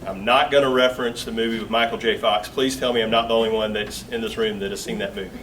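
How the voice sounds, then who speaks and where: A man's voice: on the low side, steady tone, fast talker, a bit bright. Southern US man, 40s, easygoing joking guest speaker, recorded from a distance. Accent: Southern US, Augusta Georgia. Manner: folksy and joking, with filler words. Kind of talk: casual company talk. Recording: distant mic with faint room noise.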